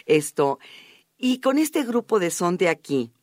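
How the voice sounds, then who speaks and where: A woman's voice: lowish voice, very animated, a little slow, no room sound, clean studio sound. A middle-aged woman with a Mexican accent, recalling family memories as a radio guest, full of fillers. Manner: warm storytelling, frequent fillers "este" and "esto". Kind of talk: reminiscing interview talk.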